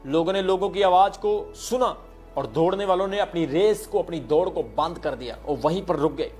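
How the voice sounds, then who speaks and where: A man with a high voice preaching a sermon, dropping in hallelujahs and telling stories to make his point. He mixes English words into his preaching. Faint music plays underneath. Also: normal speed, a little mellow. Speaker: pastor.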